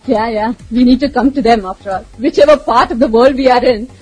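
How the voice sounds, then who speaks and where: A woman's voice: a little high, brisk, darkish tone, husky, low-quality recording. A woman with an Indian accent co-hosting a show in chatty, scripted banter, switching between languages. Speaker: co-host.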